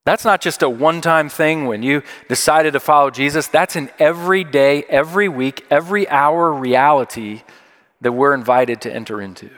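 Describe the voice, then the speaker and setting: Male preacher, slightly high voice, conversational and emphatic, big hall echo. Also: normal speed, fairly bright tone. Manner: conversational, emphatic, repeats key phrases. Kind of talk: sermon. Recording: long hall reverb.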